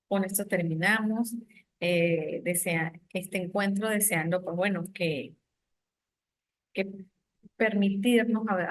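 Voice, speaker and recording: A middle-aged woman law professor giving a recorded online lecture, measured and deliberate, often restarting phrases and checking in with a rhetorical question. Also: on the low side.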